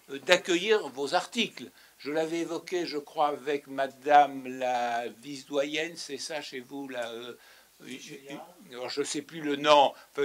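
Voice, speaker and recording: Male conference host, slightly higher voice, halting off-the-cuff remarks with fillers. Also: fairly bright tone. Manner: hesitant, many fillers and restarts. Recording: lecture hall.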